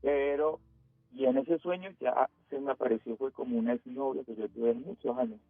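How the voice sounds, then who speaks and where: Caller on a tinny phone line. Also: male voice, medium pitch, fairly even intonation, dry recording, soft background music. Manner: hesitant, full of pauses and fillers. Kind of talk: telling a scary story on a call-in radio show.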